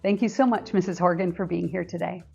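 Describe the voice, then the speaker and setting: Speaking fast in a lowish, creaky, mellow voice with a steady tone, a woman hosts a podcast. The highs are cut off, and music plays behind her as she reads announcements in a friendly, upbeat way and asks interview questions.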